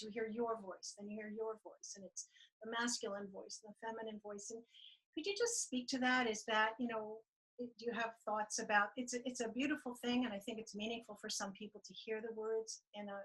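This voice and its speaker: A woman's voice: fairly high pitch, fairly bright tone, low-quality recording. A woman hosting an interview, asking long, searching questions with many fillers and restarts. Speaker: podcast host, life coach. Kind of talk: interview conversation.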